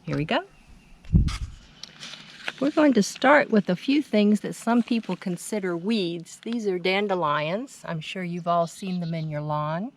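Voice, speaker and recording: An American woman narrating an informative garden tour in plain, measured phrases, unscripted, as a home gardener. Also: lowish voice. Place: outdoors in a home front garden. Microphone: handheld camera's built-in mic. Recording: outdoor handheld recording with ambient noise.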